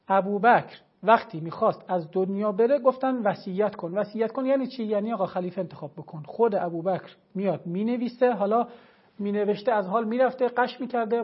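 Emphatic male religious scholar, lo-fi. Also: high-pitched. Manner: emphatic, argumentative, cites sources. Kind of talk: televised religious lecture.

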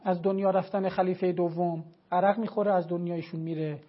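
Religious scholar type, man, argues hard and emphatically; muffled, low-fidelity broadcast sound. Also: little pitch movement. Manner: emphatic, argumentative, cites sources. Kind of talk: televised religious lecture.

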